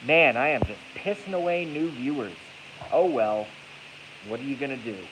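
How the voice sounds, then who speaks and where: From an echoey garage at night, a livestream host rambles casually at a moderate pace, his medium-pitched voice congested and stuffy. Bluntly profane, he repeats phrases for emphasis. His iPhone, moved closer during the stream, gives a hissy, noisy recording.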